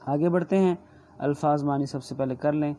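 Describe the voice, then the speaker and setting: Man, Pakistani Urdu accent, recorded lecture, slow deliberate explaining, mellow tone. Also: a little high, fairly even intonation. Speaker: teacher. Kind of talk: recorded exam-prep lecture.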